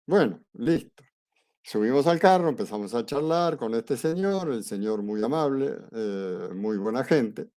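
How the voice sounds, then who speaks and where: A man's voice: medium pitch, a little slow. A man teaching a class, telling a personal story in a conversational way and acting out the dialogue. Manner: lively anecdote, acts out quoted dialogue; conversational, with fillers and restarts. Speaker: astrology teacher.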